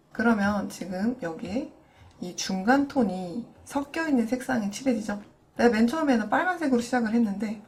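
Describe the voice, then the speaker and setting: A woman's voice: mid-range voice, darkish tone, slight background noise. A young adult woman teaching digital coloring in a screen-recorded tutorial. She speaks patiently and explains each step directly to her viewers. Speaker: digital painting instructor.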